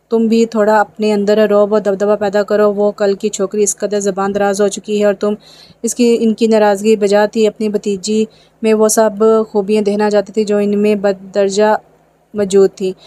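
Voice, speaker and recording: Woman, audiobook narrator, romance novel, monotone, mellow voice. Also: mid-range voice. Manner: flat, even reading of all characters.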